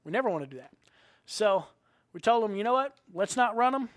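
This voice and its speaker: A man's voice: high-pitched, expressive, fairly quick, dry recording. A man doing live trackside announcing at a motorcycle race in a folksy, rambling showman's manner, stretching out names and phrases for emphasis.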